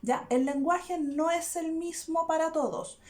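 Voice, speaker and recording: A woman's voice: very high-pitched, measured pace. A woman, a therapist explaining an idea to her viewers in casual talk that is often broken up by "¿ya?". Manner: frequent "¿ya?" check-ins, animated and searching for words. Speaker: therapist and video host.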